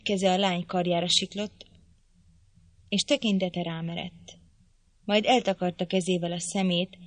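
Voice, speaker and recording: Woman reading an audiobook, low steady voice, dry close sound. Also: dry recording. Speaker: audiobook narrator. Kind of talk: scripted narration.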